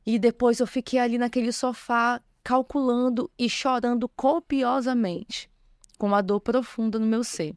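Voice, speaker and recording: A woman's voice: fairly high pitch, steady tone, moderate pace, dry recording. Woman, church bishop giving her testimony, earnest and emotional, dry close sound. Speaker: bishop, guest. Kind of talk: personal testimony in an interview.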